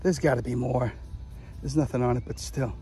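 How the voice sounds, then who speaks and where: A man narrating his metal detecting finds outdoors in a casual way, often exclaiming with excitement. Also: medium pitch, brisk, over music. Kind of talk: casual narration while digging. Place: outdoors in a large field.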